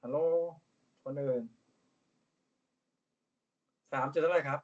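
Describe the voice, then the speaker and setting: Chatty lecturer. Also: male voice, on the high side, quick pace, muffled recording. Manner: chatty, teasing, calls students "ลูก". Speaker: university lecturer. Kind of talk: live class teaching.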